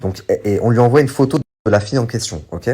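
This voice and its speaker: A man casually retelling a story to his viewers, rambling with many fillers and animated bursts when he quotes others. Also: mid-range voice, fast, slightly rough. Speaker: online commentator recounting a story.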